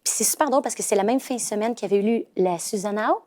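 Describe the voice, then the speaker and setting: Talking fast in a medium-pitched, darkish voice, this thirtysomething Québécoise tells family anecdotes on a talk show. Her casual delivery is full of fillers and false starts.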